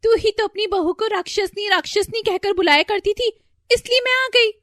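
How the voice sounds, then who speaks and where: A woman's voice: very high-pitched, lively intonation, moderate pace, dry recording, clean studio sound, voice pushed up. Woman voicing a bold young daughter-in-law. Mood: defiant scolding. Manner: loud, scolding and commanding.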